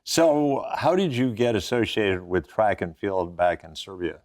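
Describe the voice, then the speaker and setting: A man's voice: fairly low pitch, a little slow, darkish tone. A man hosting a television sports program, delivering scripted recaps and asking guests questions. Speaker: host. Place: TV studio set.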